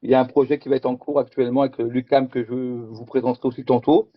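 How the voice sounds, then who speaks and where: At a conference with slides, a middle-aged man from Picardy, France, talks fast in a level, medium-pitched voice, yet still hesitates and repeats words. The audio has no echo and sounds dull.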